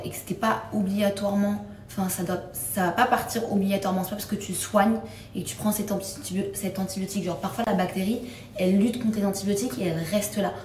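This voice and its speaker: A young woman with a mid-range voice talks casually and confidingly to her viewers as a lifestyle vlogger, now and then lowering to soft, nearly whispered remarks. Her voice echoes strongly over constant loud ambient noise.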